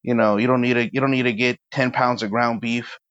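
Man, podcast co-host, choppy breaking-up call audio, muffled lo-fi, mid-pitched voice. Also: steady tone, fairly quick, fairly bright tone, no echo. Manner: easygoing, laughs often. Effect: choppy connection breaking up. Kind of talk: casual chat over an online call.

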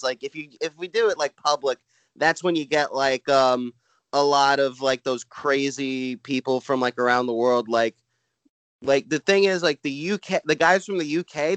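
A man from Brooklyn with a Brooklyn accent chats casually as a comedian being interviewed, rambling and halting, with "like" all through his talk. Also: mid-range voice, steady tone, a bit bright, clear, resonant tone, no echo. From Brooklyn, New York. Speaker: stand-up comedian, podcast guest. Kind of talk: casual chat.

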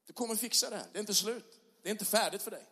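A middle-aged male pastor preaching a sermon in a church hall, conversational with tag questions, rising to loud passionate peaks. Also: sits high. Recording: long hall reverb.

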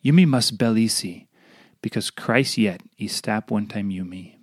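A man's voice: on the low side, a little slow, dry recording, clean studio sound. A man with a Papua New Guinean accent reads a scripted devotional in Papua New Guinea pidgin, earnestly and phrase by phrase. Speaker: devotional reader.

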